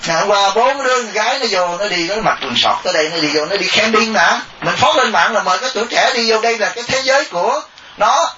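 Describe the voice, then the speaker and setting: A monk giving a dharma talk, animated and joking, often mimicking laypeople. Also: male voice, high voice, quick pace, a little hiss or hum. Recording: distant echoey lo-fi recording.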